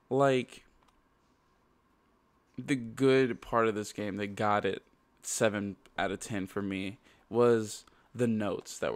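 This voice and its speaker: A man with a stuffy, congested nose talks through a casual game review in a rambling, ranting way, tripping over restarts and fillers. His voice sits on the low side, and the recording is dry and close with no room sound. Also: smooth, no echo. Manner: rambling, ranting, heavy use of "like".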